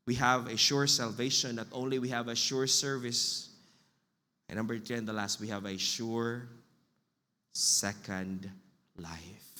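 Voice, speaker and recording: A man with a Filipino accent preaching a sermon as pastor, slow and emphatic, in a church hall. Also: medium pitch, sharp tone. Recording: long reverb of a church hall.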